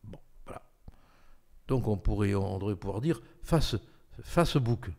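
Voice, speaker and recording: An older man, a political commentator, hosts a talk show in a lowish, mellow, creaky voice at normal speed. He speaks with emphasis, frequently restarting and filling pauses.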